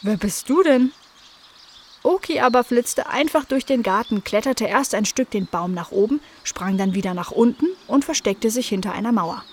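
A woman narrating a children's story in a gentle, even storytelling manner. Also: a little high, normal speed, hardly any pauses, slight background noise.

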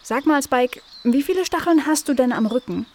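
A woman's voice: high voice, animated, normal speed, a little hiss or hum, pitched above the performer's own voice. A woman voicing a sensible, friendly young female dog in a children's story, explaining things patiently.

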